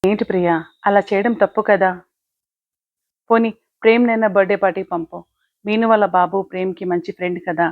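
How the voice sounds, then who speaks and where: A woman's voice: medium pitch, steady tone, fairly quick, pauses often, no echo, lightly acted. Woman voicing a preachy older sister, firm and moralizing, dull dry home recording. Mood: lecturing. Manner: lecturing, moralizing. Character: caring older sister scolding sister.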